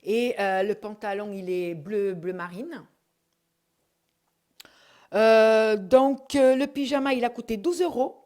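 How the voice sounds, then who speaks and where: A middle-aged woman chatting casually at home as she shows off a shopping haul, hesitating often with drawn-out fillers. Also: fairly high pitch, darkish tone. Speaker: vlogger showing her shopping haul.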